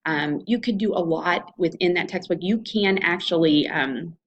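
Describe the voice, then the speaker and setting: Speaking at a moderate pace in a lowish register, this woman guides students through an online course by screencast. She's a college instructor with an Ohio Valley American accent, and she explains things casually and conversationally. The recording sounds dull and carries slight background noise.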